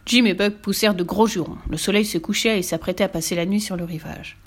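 Brief: woman storyteller, steady, even, mid-pitched, children's book reading. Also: fast talker. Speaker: narrator.

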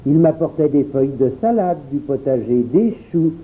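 A man giving an expressive first-person storybook narration as an audiobook reader. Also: on the high side, moderate pace. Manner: expressive, lively reading. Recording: tinny phone-like sound.

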